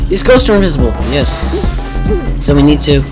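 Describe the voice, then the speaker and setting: A young man giving jokey, excitable let's play commentary as he plays a game. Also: fairly high pitch. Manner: hyped, jokey, loud. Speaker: gaming YouTuber.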